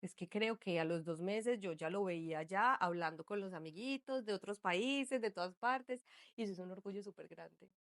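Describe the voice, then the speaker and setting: A woman's voice: medium pitch, moderate pace, no echo, clean studio sound. A woman from Colombia with a Colombian accent, a guest on a podcast, chatting as she tells her story. She pads her talk with lots of fillers. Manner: chatty storytelling, full of fillers like "pues" and "entonces". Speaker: guest, migrant mother. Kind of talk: casual conversational interview.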